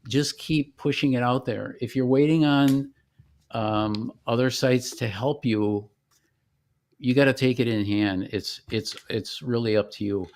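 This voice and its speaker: Speaking in a mid-range, slightly mellow voice, a man shows off his company's product in an informal demo. As the founder, he explains in a conversational way that stops and starts.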